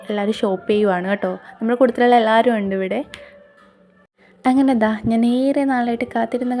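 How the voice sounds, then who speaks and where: A woman's voice: a little high, dark tone. A woman with a Kerala accent narrating a travel vlog in a casual voice-over, mixing English words into Malayalam. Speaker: travel vlogger. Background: music.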